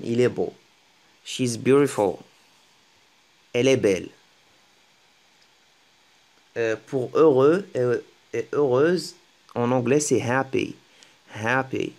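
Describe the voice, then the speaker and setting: A man giving a casual lesson in French on English grammar, hesitant, with many fillers and restarts, repeating words slowly for practice. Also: medium pitch. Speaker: English teacher.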